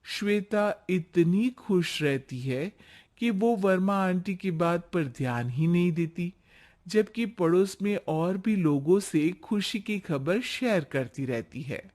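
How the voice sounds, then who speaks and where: Woman narrator, calm scripted storytelling, slow. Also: lowish voice.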